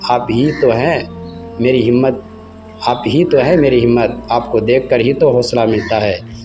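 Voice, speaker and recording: A man voicing a tired, sick young wife who speaks quietly. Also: mid-range voice, measured pace, dull audio, over music, close to an everyday voice. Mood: weary. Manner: quiet, soft.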